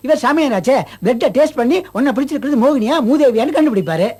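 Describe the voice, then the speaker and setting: A husky, fast-talking father-in-law. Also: very high-pitched, animated, darkish tone, exaggerated voice. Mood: teasing. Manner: fast, teasing and scolding. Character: scheming father-in-law dragging him to a healer.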